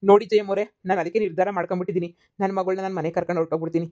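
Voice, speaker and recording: A voice actor playing a sly middle-aged fake father, calm and persuasive. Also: mid-range voice, rapid-fire, highs cut off, close to an everyday voice.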